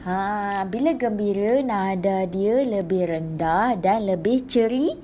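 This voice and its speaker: A woman teacher with a Malaysian Malay accent, explaining a lesson to primary pupils slowly and clearly, with many "okey" and "ha". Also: mid-range voice, warm tone, slight background noise.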